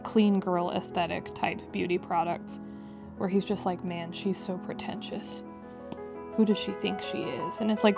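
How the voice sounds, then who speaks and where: A woman talks through a drawing tutorial in a casual, rambling way with wry asides. Her voice is fairly low for a woman and full of creaky vocal fry. Piano music plays clearly behind her. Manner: chatty, wry asides with frequent "like". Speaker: digital artist narrating a drawing tutorial.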